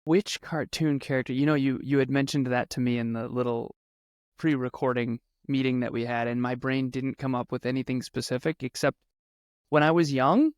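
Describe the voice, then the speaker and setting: A thirty-something man speaks earnestly as an interview guest, stacking repeated words for emphasis. His voice sits in an ordinary middle pitch and is recorded dry and close. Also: steady tone, normal speed, smooth, no room sound. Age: 30s. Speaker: podcast guest, speaker and coach. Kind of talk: conversational interview storytelling.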